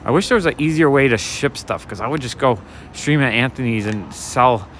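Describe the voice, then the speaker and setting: An adult man, a walking vlogger and livestreamer, does soft-spoken, rambling walk-and-talk commentary on a city street outdoors at night, chatting casually to viewers as he goes. His mid-range voice is raspy, animated, and brisk. Street traffic noise, city ambience, and vehicles fill the background.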